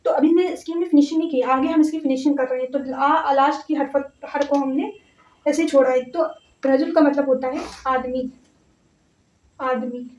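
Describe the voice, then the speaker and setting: A woman teaching a grammar lesson step by step, patient, repeating words slowly and often checking that her students follow. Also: high voice, steady tone, darkish tone. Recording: echoey, distant, slightly dull audio.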